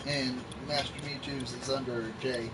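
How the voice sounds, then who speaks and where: A man's voice: medium pitch, normal speed. A man hosting a casual gaming chat, joking and teasing his friends. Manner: joking, animated, swears freely. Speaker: host. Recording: distant mic with background noise.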